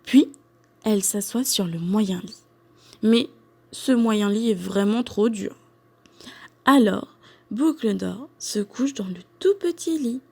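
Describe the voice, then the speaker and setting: A woman teacher reading a picture book aloud to children, clearly and expressively. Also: mid-range voice, slow, pauses often, warm tone.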